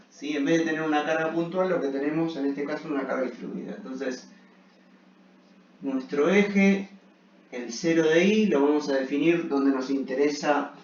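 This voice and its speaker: A man giving an engineering lecture at a blackboard, explaining step by step with frequent check-in questions. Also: a little high. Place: echoey room at a blackboard. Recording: echoey room, muffled, distant mic.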